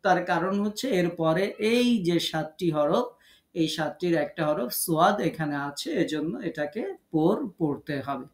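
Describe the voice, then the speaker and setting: A man teaching Quran recitation rules in an online lesson, patiently repeating each rule and drawing out example words slowly. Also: high-pitched. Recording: echoey room.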